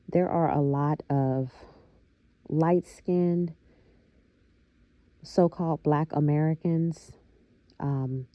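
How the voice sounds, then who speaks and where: A woman vlogger talking reflectively to her viewers, with a slow, thoughtful manner and many soft fillers. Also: deep voice, no room sound, lo-fi sound. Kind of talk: casual talking-to-camera monologue.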